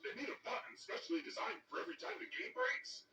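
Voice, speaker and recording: An actor playing an irritable, sarcastic werewolf in a scripted comedy game review, complaining with dry insults. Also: male voice, extremely high pitch, huge pitch swings, fast, sharp tone, exaggerated voice. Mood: exasperated. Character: sarcastic, irritable werewolf man forced to play bad video games. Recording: roomy, distant, music underneath. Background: music.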